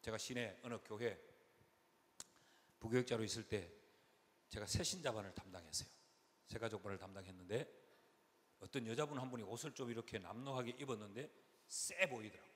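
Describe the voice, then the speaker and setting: A man's voice: on the low side, fairly quick, pauses often. A middle-aged man with a Gyeongsang Korean accent, preaching a folksy revival sermon and acting out quotes. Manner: animated, folksy, acts out quotes. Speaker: senior pastor, guest revival preacher. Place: large church sanctuary. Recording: long hall reverb, faint noise.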